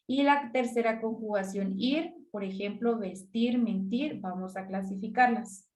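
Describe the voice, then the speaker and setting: A woman teacher walks pupils through worksheet exercises step by step, asking and answering her own questions. Her voice sits a little high. The recording has a noticeable room echo. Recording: echoey room.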